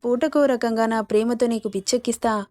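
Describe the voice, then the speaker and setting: A woman's voice: on the high side, fairly even intonation, a little fast, warm tone, no room sound, studio quality, natural voice. A woman reading a teasing young lover. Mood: coaxing. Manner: coaxing, playful.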